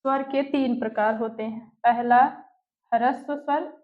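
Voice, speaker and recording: A woman teacher speaks slowly and patiently in a high voice, asking the class questions and then answering them herself. She dictates notes word by word. The sound is tinny and phone-like, with the echo of a bare room. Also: steady tone. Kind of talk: online class lesson.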